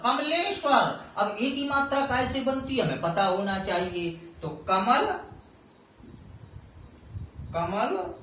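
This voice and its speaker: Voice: mid-range voice, fairly bright tone. A teacher explaining a grammar lesson step by step, patiently repeating the key terms. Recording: very echoey room.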